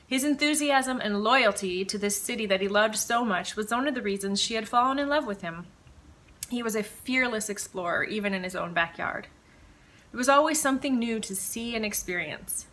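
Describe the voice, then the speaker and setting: A woman author reading her own mystery novel aloud with measured, expressive storytelling. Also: medium pitch, a little hiss or hum, rough recording. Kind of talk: audiobook-style reading of fiction.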